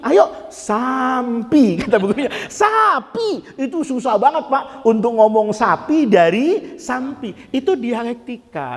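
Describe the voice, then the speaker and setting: A man preaching a lively, joking sermon in casual speech, swinging between soft and loud. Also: sits high. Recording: long hall reverb.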